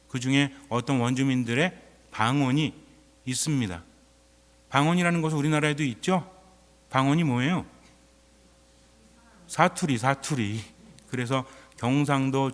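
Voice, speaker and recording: Priest preaching in a reverberant church. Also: male voice, medium pitch, a bit bright. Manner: conversational preaching, quizzing the congregation. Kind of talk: sermon. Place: church before a congregation.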